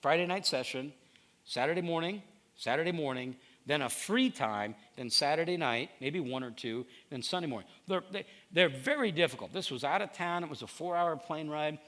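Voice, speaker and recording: A man's voice: on the high side, animated, normal speed, few pauses, pushed and bright. A middle-aged male pastor preaching in a conversational way, telling stories and acting out quoted dialogue, with frequent restarts. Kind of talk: conversational sermon.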